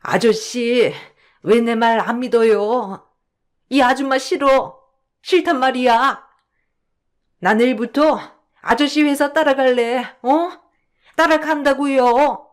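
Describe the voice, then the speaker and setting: Elderly mother with a child's mind, high childish voice, petulant and whiny, slow radio drama delivery. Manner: childish pleading, petulant demands. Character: elderly mother acting like a whiny seven-year-old girl. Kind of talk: Korean radio drama acting.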